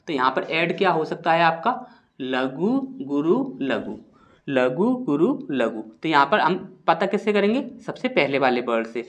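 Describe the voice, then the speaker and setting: A man teaching Hindi grammar, explaining step by step, asking questions and answering them himself, and sounding out syllables slowly. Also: on the high side, sing-song. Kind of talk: classroom-style lesson.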